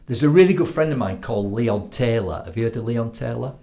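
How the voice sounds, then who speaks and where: A man's voice: medium pitch, fairly quick. A man with a Yorkshire accent, a professional speaker giving advice as a guest in a casual podcast chat, acting out little quotes and checking in with "right?". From Yorkshire, England. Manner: animated storytelling with acted quotes, frequent "right?". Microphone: studio podcast microphone.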